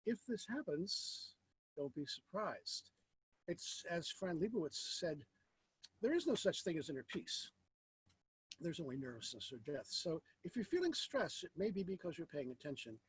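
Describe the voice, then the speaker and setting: A man lectures informally on philosophy in a very husky, slightly high voice. He is reflective and halting, often pausing to pose rhetorical questions. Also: sing-song, no room sound, low-quality recording.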